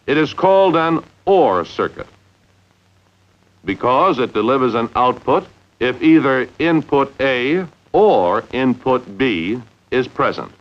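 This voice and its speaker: A man delivers scripted instructional narration in 1950s style, heard on an old, slightly muffled film soundtrack. His mid-range voice has animated intonation as he measures out each phrase and deliberately stresses key words.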